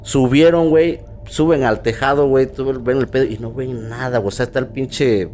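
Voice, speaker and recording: A man's voice: mid-range voice, a little fast, a little mellow, slight background noise. Slangy Mexican man telling a scary story. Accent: Mexican Spanish. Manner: slangy, filler-heavy, acts out quoted voices. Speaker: podcast host. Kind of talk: casual storytelling chat.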